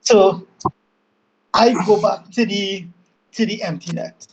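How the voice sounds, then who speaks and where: A player at a tabletop game with a husky voice, talking in a matter-of-fact way. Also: medium pitch, slow, dull audio.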